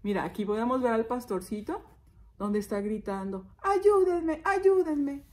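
A woman's voice: mid-range voice, normal speed. A woman reading a story aloud to children, talking to them directly and asking questions. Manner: animated, addresses kids directly, asks questions. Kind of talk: expressive read-aloud for children.

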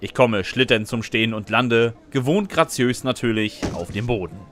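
Over soft background music, a man with a mid-range, fairly bright, natural voice speaks at normal speed. He plays a sarcastic student who is both narrator and lead character, wryly recounting his own chaotic life in scripted comic first person.

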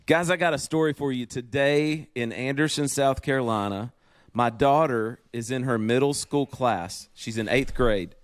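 A man's voice: mid-range voice, normal speed, no echo. A middle-aged man co-hosting a podcast from his office, telling stories with enthusiasm in casual chat. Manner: enthusiastic storyteller. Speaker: podcast co-host. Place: home office.

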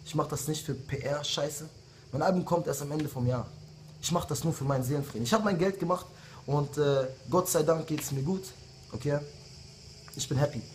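A man's voice: a little high, normal speed, darkish tone, a little hiss or hum. A man in his late twenties, a rapper delivering a heated, insulting diss message straight to his rivals. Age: late 20s. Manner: heated, insulting rant with repeated jabs. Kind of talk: angry diss video message.

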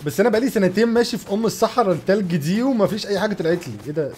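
A young man with an Egyptian Arabic accent hosting excited gameplay commentary, gushing and laughing as he plays. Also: sits high, racing, a little hiss or hum. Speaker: gaming channel host.

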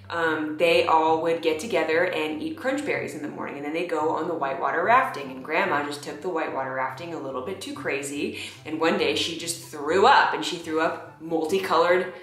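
A woman's voice: sits low, fairly bright tone. A young woman chatting casually to camera as a vlogger, with a wry, playful manner. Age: young adult. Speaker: vlogger opening fan gifts. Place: small plain indoor room. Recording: echoey small room.

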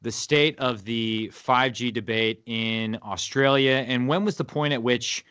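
A man's voice: mid-range voice, measured pace, a bit bright, clear, resonant tone, dry recording. US male host, mid register, dry sound, curious and playful interviewer. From United States. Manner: curious, joking questions. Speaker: podcast host. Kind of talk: casual interview chat.

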